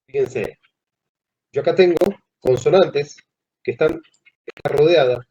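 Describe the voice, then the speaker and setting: A male teacher giving a classroom lecture, who asks the students questions and pauses mid-phrase. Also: fairly high pitch, warm tone, husky. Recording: dull lo-fi classroom recording.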